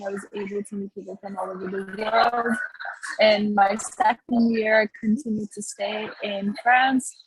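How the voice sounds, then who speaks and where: A woman in her twenties, originally from India, introducing herself as a student in an even, rehearsed way. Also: mid-range voice, slight background noise, low-quality recording. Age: 20s. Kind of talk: self-introduction.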